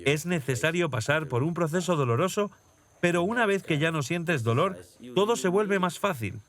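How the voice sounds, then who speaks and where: A man dubbing a reflective young prince in a documentary, speaking in a calm, even-tempered way. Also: fairly high pitch, normal speed. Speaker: dubbed interviewee voice-over. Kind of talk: documentary dub voice-over.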